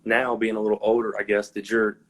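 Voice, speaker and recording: A man's voice: lowish voice, level tone, a little fast, fairly bright tone. A man calling into a livestream as a fan, talking earnestly and rambling with lots of fillers. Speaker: fan caller. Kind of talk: casual chat. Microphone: joining a phone livestream.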